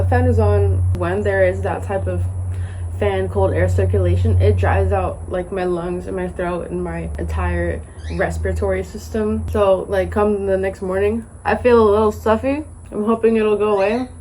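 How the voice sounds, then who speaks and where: A young woman with a mellow, medium-pitched voice vlogs while sick and stuffy, rambling casually and saying "like" a lot. She's outdoors on a patio by a golf course, with birds and outdoor ambience around her. The recording is rough, with a little hiss or hum.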